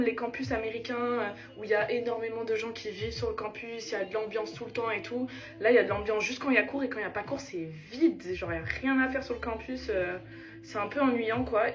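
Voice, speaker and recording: A woman's voice: medium pitch, poor audio. A young woman from Monaco, chatting casually in slangy speech while getting ready on her vlog. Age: young adult. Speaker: vlogger. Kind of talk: casual get-ready-with-me chat.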